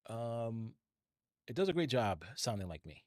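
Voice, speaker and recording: A middle-aged man hosts a live tech stream, rambling casually and talking straight to his chat. His medium-pitched voice is very animated but a little slow, captured in a dry, studio-quality recording.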